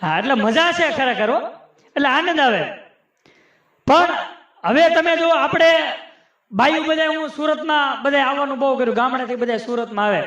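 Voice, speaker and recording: A man, his voice pitched very high, works a live folk comedy crowd with teasing, chatty asides. He slips into rhythmic recitations of rhyming sayings. The stage mic carries a roomy echo. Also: normal speed, pauses often, a bit bright, lo-fi sound. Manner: chatty, teasing, addresses audience as sir. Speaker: folk humorist.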